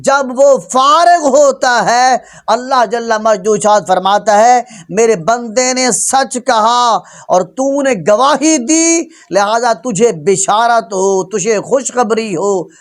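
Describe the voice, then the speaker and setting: A man from Pakistan preaches an Islamic sermon as an argumentative rebuttal, in an extremely high-pitched voice. He speaks slowly with hardly any pauses, emphatic and admonishing, often using rhetorical questions.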